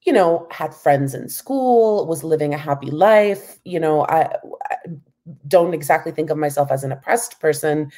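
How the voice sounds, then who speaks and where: Speaking at normal speed in a low, dark, animated voice, this American woman in her thirties, a professor appearing as a guest, responds to interview questions candidly and thoughtfully, with frequent "you know"s.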